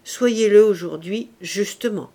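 A grave male police inspector speaks coldly and sadly, his words slow and measured, as a woman reads him aloud. The voice sits low and subdued in an audiobook reading. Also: dark tone. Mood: solemn. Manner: cold, sad, measured delivery.

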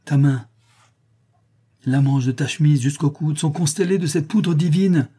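A man voicing an excitable young male companion in a storybook reading, his voice raised high, shrill and frantic. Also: a little slow, husky. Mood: awed.

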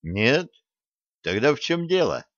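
A man voicing a stern, grief-stricken male battalion commissar with clipped, hoarse military speech in an audiobook character reading. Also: medium pitch, sing-song, slow, a bit bright, no echo, dull audio, voice pushed up.

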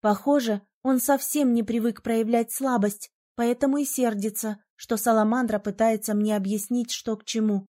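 A woman narrating a novel in the first person, reading in an expressive, lively way. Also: fairly high pitch, moderate pace, few pauses. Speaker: audiobook narrator.

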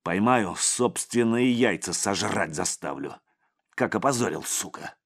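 A man's voice: fairly low pitch, animated, measured pace, breathy edge, full character voice. A man voicing a sullen ex-convict gang enforcer who grumbles and mutters threats. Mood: vengeful.

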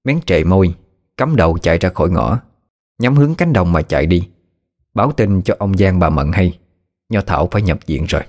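A man narrating a story in a steady, plain manner. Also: sits low, brisk. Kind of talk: storytelling audio drama narration.

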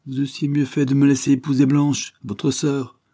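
Man as a defiant, sneering nobleman, low and dark-toned. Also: a little fast, close to an everyday voice.

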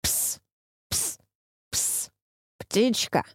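A woman voicing a sly talking male cat in an audiobook, coaxing and hushed. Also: medium pitch, sing-song, slow, dry recording, studio quality, full character voice. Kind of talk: audiobook reading.

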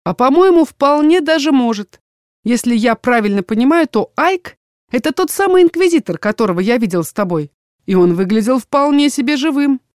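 A woman's voice: high-pitched, animated, brisk, a little mellow, no echo, studio quality, voice pushed up. A woman reading the part of a stern, domineering middle-aged father in an audiobook, speaking in a commanding, cold and dismissive way.

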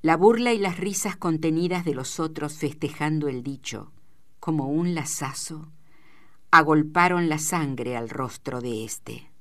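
A woman reads a literary novel aloud in measured, deliberate narration. Her voice is low for a woman, and she takes an unhurried, slow pace. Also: animated, fairly bright tone. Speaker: audiobook reader.

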